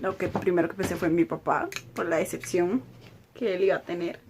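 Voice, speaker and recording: A woman's voice: on the low side, steady tone, brisk, noisy background. A young woman, telling a personal storytime with emotion, often repeating herself. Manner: emotional, repetitive retelling. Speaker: vlogger.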